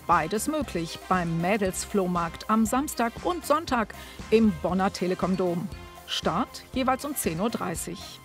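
Woman rattling off weekend event tips, soft music under her. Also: medium pitch, animated, unhurried. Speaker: news presenter. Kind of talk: reading event listings.

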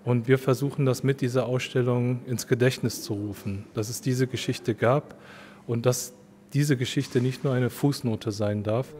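A man speaks earnestly about his exhibition, his voice dark and mellow. He is recorded in a reverberant room, with faint background noise beneath him. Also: mid-range voice, fairly even intonation, moderate pace. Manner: earnest, reflective. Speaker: exhibition organizer. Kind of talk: interview statement.

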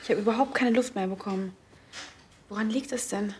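An actress playing a shaken, exhausted female patient in a television medical drama, speaking in a fragile, halting way. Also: mid-range voice, a little hiss or hum, natural voice. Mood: shaken, subdued. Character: shaken, exhausted woman patient recovering from a fright.

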